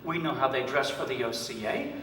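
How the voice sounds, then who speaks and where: A man's voice: mid-range voice, brisk, bright, forceful tone, a little hiss or hum. A man with a Southern US accent, a priest giving a conversational talk with humorous stories and frequent fillers. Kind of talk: conference talk with anecdotes. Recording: echoey hall, speaker far from mic.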